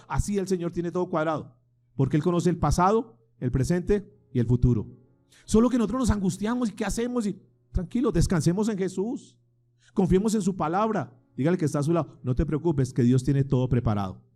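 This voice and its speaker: A man's voice: sits high, animated, a little fast, darkish tone, soft background music. A man preaching a sermon as pastor, asking the congregation questions and having them repeat phrases after him. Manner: preaching with rhetorical questions and call-and-response.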